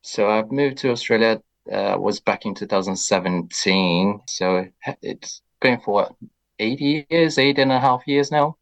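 A radio interview guest with a deep voice and a Brazilian accent answers slowly and thoughtfully in a relaxed way. He is reflective and measured, pausing on many soft fillers while gathering each thought. The audio quality is poor.

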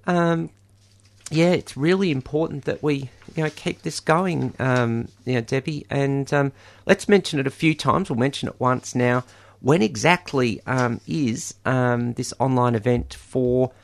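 A man's voice: medium pitch, vocal fry. A man presenting a community radio fundraiser, rambling with many ums and jokey asides, in a studio. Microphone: studio microphone.

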